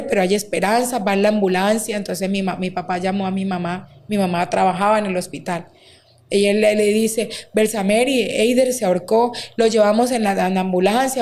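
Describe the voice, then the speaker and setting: A woman, a guest recounting a deeply painful personal story, acting out quoted dialogue with many fillers. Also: darkish tone. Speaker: interview guest. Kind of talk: emotional personal testimony.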